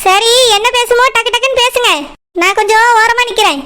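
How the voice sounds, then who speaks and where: A woman voicing a bold, bossy young girl in a cartoon, teasing and scolding briskly with a Kanyakumari Tamil accent. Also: very high-pitched, fairly even intonation, background noise. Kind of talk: cartoon voice acting.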